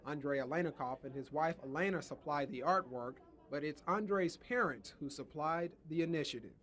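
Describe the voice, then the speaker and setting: A man's voice: fairly high pitch, brisk, fairly bright tone. A man narrating a scripted television news story as a reporter. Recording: faint background ambience.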